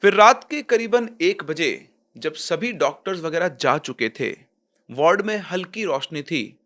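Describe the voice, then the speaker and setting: A man narrating a horror story in a tense, suspenseful way, dropping quiet at the scary parts. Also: on the high side. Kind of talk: dramatic storytelling.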